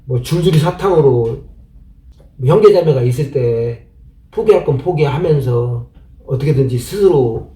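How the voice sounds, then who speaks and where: A man's voice: mid-range voice, lively intonation, unhurried. A middle-aged man hosting a channel, who reads out a viewer's letter and then gives plainspoken, reflective advice, often asking rhetorical questions. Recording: roomy, distant mic with soft instrumental music. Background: soft instrumental music.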